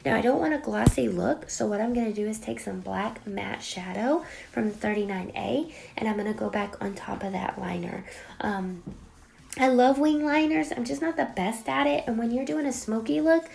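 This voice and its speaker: A young woman with a raspy, gravelly voice that sits a little high, still getting over a cold. She chats through a makeup tutorial in a playful, dramatic way, and at times she drops into a whisper for emphasis. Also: normal speed, a little mellow. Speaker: beauty vlogger. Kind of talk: casual makeup tutorial chat.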